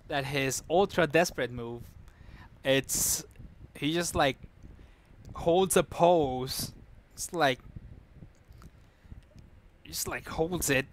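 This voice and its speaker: A man's voice: fairly high pitch, slight background noise. A man streaming live, telling a rambling story, laughing often and correcting himself as he goes. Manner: reacts to chat mid-story.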